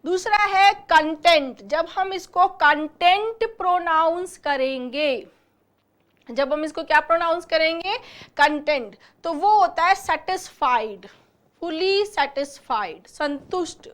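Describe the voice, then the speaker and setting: A woman's voice: very high voice, takes it slowly, fairly bright tone. A woman teaching an exam-prep vocabulary lesson, explaining word meanings and repeating synonyms while checking that students follow.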